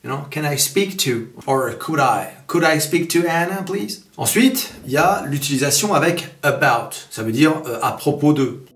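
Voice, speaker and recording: A man giving a casual English lesson, speaking in a relaxed way with many fillers and switching into English example sentences. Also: a little high, normal speed, reverberant. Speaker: English teacher.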